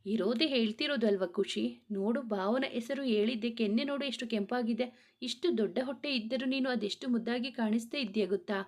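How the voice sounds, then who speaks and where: A woman's voice: a little high, fairly quick, a little mellow. A woman voicing a cheerful young woman who teases her friend playfully. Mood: teasing. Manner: playful teasing.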